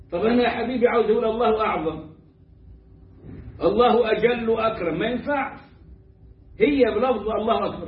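A man with an Egyptian Arabic accent giving a colloquial religious lesson, joking and mimicking mispronunciations. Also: very high-pitched. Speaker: religious teacher. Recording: echoey room, distant muffled mic.

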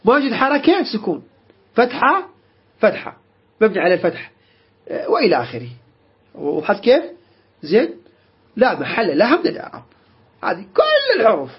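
Man, grammar teacher, high voice, dull lo-fi recording. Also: huge pitch swings, fast, long pauses, breathy edge. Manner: repeats key terms, stumbles and restarts, checks understanding. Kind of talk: classroom lecture.

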